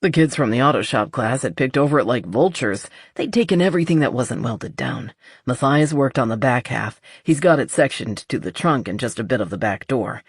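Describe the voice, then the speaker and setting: A woman voicing a calm, teasing adult man in an audiobook, speaking in a low, controlled way. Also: brisk, husky, no echo, studio quality, exaggerated voice. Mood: easygoing. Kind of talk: audiobook character voice.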